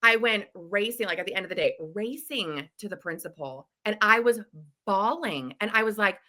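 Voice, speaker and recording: A woman educator co-hosting a podcast, telling a story in a lively, casual way and acting out her own past thoughts. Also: medium pitch, normal speed.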